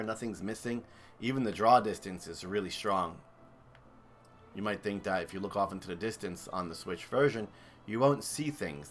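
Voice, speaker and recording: A man's voice: on the low side, fairly bright tone. A man streaming and commentating a video game comparison in a chatty, enthusiastic way. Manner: chatty, enthusiastic, thinks aloud. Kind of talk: casual gameplay commentary.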